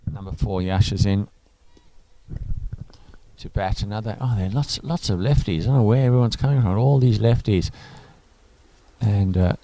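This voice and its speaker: Deep-voiced cricket commentator. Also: male voice, normal speed, pauses often, warm tone, low-quality recording. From South Africa. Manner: chatty, rambling, enthusiastic asides. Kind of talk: live sports commentary.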